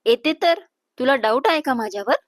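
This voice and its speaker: A woman voicing a confident, teasing young husband in a storybook romance, dropping her voice lower and keeping it calm. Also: fairly quick, dry recording, studio quality, natural voice. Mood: whispered.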